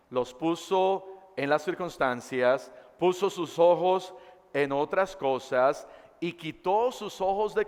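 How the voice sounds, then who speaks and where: A male pastor preaching a sermon and reading scripture aloud, dramatically swinging between loud and hushed delivery. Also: on the high side, clean tone, big-room sound. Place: church.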